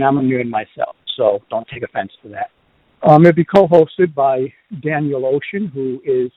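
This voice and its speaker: Casual review chatter comes from a Boston-accented podcast host whose rambling delivery is packed with ums and uhs. He has a medium-pitched voice, and the dry, phone-quality lo-fi audio carries no room sound.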